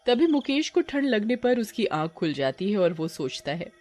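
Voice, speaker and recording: A woman's voice: medium pitch, normal speed. Woman narrating a cartoon story. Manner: even storytelling.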